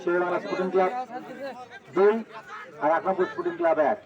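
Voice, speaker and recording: A Bangladeshi man calls a local football match in an urgent, excited running commentary. His high voice repeats names and calls, sounding dull and far from the microphone, with a clearly audible crowd around him. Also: fast talker. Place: outdoors at a local football ground.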